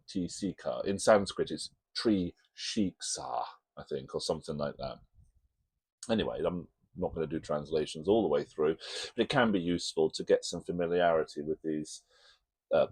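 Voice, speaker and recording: Low-voiced man giving a tentative talk. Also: darkish tone. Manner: tentative, self-correcting, with frequent ums. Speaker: channel host teaching Buddhism. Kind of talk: informal explanatory video talk. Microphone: reading from notes to camera.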